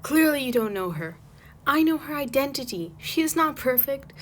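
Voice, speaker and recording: A woman voicing an angry teenage girl in a storybook fanfic, reading her lines loud and raised. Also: lowish voice, measured pace, slight background noise, close to an everyday voice. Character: furious teen girl, clumsy and insecure.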